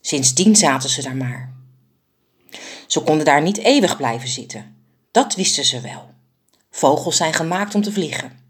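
A woman reading aloud a children's story she wrote, expressive and lively. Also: low-pitched, normal speed, pauses often, breathy edge. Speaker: author and narrator.

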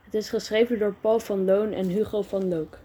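A woman reading a children's book aloud in a slow, deliberate storytelling manner, with small stumbles. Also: medium pitch, fairly even intonation, mellow, breathy edge. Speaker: reader.

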